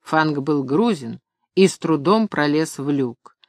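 A man reading a novel aloud in an even, measured storytelling voice. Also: on the high side, no room sound, studio quality. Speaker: audiobook narrator. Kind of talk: scripted narration.

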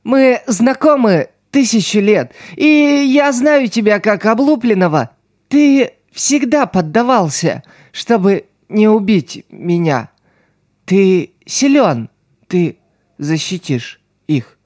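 A man reading an audiobook, voicing a wounded, dying street girl who speaks slowly through the strain. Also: sits high, lively intonation, a little mellow, dry recording, clean studio sound, pitched above the performer's own voice. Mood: weak, urgent. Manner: slow, strained, fading speech.

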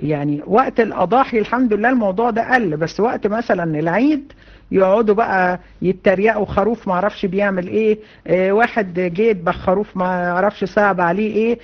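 A woman with an Egyptian Arabic accent giving a religion lesson to women, animated and colloquial, with many rhetorical questions. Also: medium pitch, fast talker, highs cut off. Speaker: religion teacher. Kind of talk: lecture to women students.

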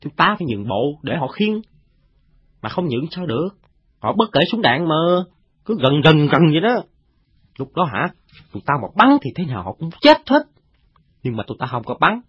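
A man's voice: on the high side, big pitch swings, brisk, long pauses, dry recording. A man voicing a coarse, chatty soldier. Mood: boastful recounting. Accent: Southern Vietnamese. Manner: rough, chatty storytelling with swings in loudness. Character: gossiping rank-and-file male soldier, coarse and boastful. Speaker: voice actor in an audio drama. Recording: dull, dry lo-fi recording.

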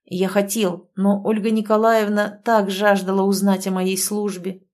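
A woman's voice: medium pitch, little pitch movement, measured pace, lightly acted. A woman voicing a remorseful young officer. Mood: apologetic. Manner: quiet, apologetic.

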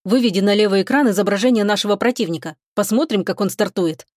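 A woman's voice: mid-range voice, quick pace, a little mellow, dry recording, clean studio sound, close to an everyday voice. A woman voicing a terse, strict male starship captain who gives clipped commands in an audiobook. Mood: tense.

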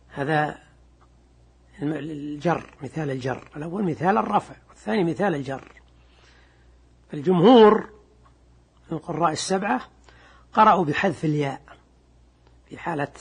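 An older man with a husky, high-pitched voice teaches a lesson in classical Arabic grammar. He speaks in a measured way, repeats key words, and reads quoted passages slowly.

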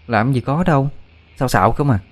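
A man voicing a cheeky, pushy young woman student in an audiobook, raising his voice into a high, sing-song girlish tone. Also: fairly quick, natural voice. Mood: sceptical. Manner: teasing, wheedling. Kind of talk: audiobook character voice.

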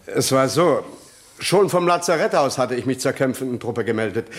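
A measured witness, played by a man, recounts events to the court in a vintage radio play. His delivery is even and matter-of-fact at a middle pitch. Nothing about it is showy. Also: natural voice. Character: calm male witness giving sworn testimony. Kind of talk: 1960s radio drama acting.

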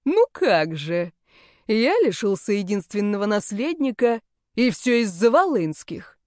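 A woman's voice: mid-range voice, big pitch swings, darkish tone, dry recording, clean studio sound. Woman voicing a menacing aging male rector. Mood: haughty, menacing. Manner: slow, haughty, domineering. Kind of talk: audiobook character voice.

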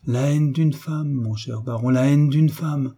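A man voicing a sly, ironic hunchbacked marquis in an audiobook, teasing with drawn-out courtesy. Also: medium pitch, mellow, husky, pitched above the performer's own voice. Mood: mocking. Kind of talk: audiobook character reading.

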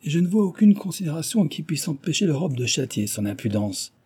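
A man's voice: mid-range voice, expressive, normal speed, dark tone, husky. A man voicing a proud, indignant old French marquis in an audiobook, declaiming vehemently.

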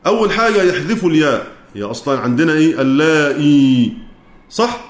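A man's voice: a little high, big pitch swings, racing. Egyptian man teaching in an echoey room. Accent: Egyptian Arabic. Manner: explanatory, asks the class questions and answers himself. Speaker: Quran recitation lecturer. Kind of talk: teaching a lesson.

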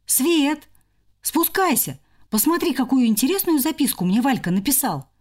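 Woman voicing a young male hamster, high-pitched, bossy, shouting orders. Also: animated, normal speed. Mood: puzzled. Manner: shouts commands sternly.

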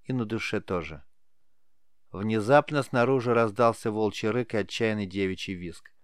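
A man narrating a fantasy audiobook in a measured, scripted way. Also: on the low side, smooth, no echo, studio quality.

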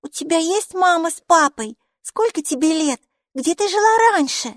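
In a dry, studio-quality recording, a woman pitches her voice very high, well above her usual register, to become an eager six-year-old girl in an audiobook. Cheerful and chatty, the child speaks at a normal speed and keeps asking excited questions.

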